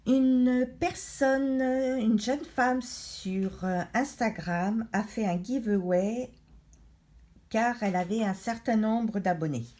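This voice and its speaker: A middle-aged woman talks through a colouring book in a relaxed, meandering way. She speaks slowly and hesitantly, with plenty of pauses and fillers. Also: on the high side. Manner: chatty, rambling, hesitant with many pauses. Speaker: craft vlogger. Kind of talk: casual chat showing a colouring book.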